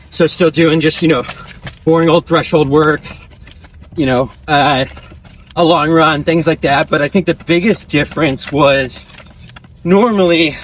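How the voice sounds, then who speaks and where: A man in his twenties chatting casually in breathy short phrases as he runs outdoors while being interviewed. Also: fairly high pitch, slight background noise, low-quality recording. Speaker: professional distance runner being interviewed. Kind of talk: casual chat while running. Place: outdoors on a dirt country road, on the move.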